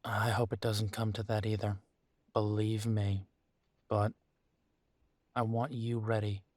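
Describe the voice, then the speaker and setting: A man plays a low-voiced, protective werewolf leader in an intimate roleplay audio drama, earnest and weary yet determined, speaking deliberately with pauses. His delivery stays level and darkish, recorded dry and close with no echo. He begins grave and cautious, then turns firm and resolute.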